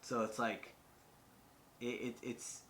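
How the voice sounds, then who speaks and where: A man's voice: mid-range voice, flat delivery, slow pace, fairly bright tone. A man hosting a podcast in casual chat, rambling and swearing, with lots of filler words. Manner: rambling, profane, full of "like". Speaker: podcast host.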